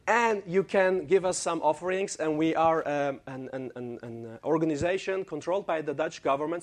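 A young adult man with an Armenian accent preaches a sermon as a guest preacher in halting English. His voice is a little high. He uses many fillers and restarts and jokes a bit with the congregation.

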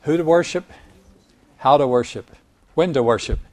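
A man preaching a sermon in a measured teaching tone. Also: on the high side, a little mellow. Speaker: pastor.

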